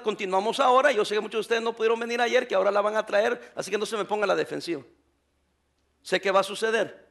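A pastor preaches in a strikingly high, bright and forceful voice. He fires rhetorical questions at his congregation, answers them himself and chuckles between points. His delivery is emphatic and sermon-driven.

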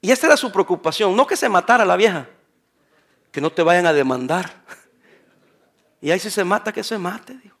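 An older man, a pastor, preaching a sermon, moving from quiet talk to shouting. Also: high-pitched, normal speed, gravelly, pauses often. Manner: animated preaching, swings from soft to shouting.

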